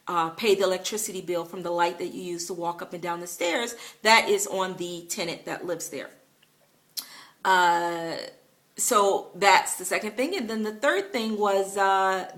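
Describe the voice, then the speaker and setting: Bright-voiced woman telling a story. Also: medium pitch. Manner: chatty, many fillers, laughs while telling. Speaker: vlogger. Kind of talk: casual storytelling to camera.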